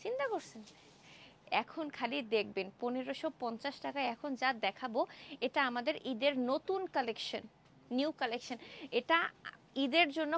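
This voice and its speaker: Excited high-voiced young woman selling dresses. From Bangladesh. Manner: chatty, excited, exclaiming over dresses. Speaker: live-stream clothing seller. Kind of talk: Facebook live sales pitch. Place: indoor showroom.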